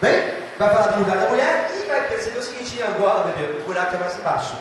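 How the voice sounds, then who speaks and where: A Brazilian literature teacher with a São Paulo state Portuguese accent gives a lively, theatrical exam-prep lecture, addressing students directly. His voice is high and fast. The recording is noisy, in an echoey hall with the mic far away.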